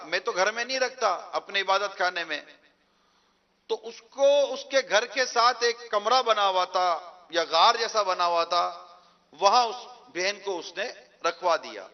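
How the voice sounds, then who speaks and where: A male preacher telling a moral story in a sermon, earnest and drawn out, with slow emphatic endings. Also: sits high, pushed and bright, lo-fi sound.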